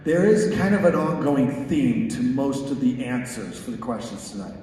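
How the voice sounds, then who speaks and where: A man's voice: mid-range voice, animated, normal speed, dark tone, slight background noise. A man moderating a casual onstage Q&A, chatty and joking, with many fillers. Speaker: panel moderator. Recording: echoey hall, mic from far off.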